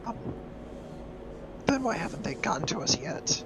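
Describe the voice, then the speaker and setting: Casting: animated male tabletop player, fairly high voice, casual slang, repeated words, noisy room. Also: moderate pace. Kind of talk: casual chat during a game. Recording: clear background noise.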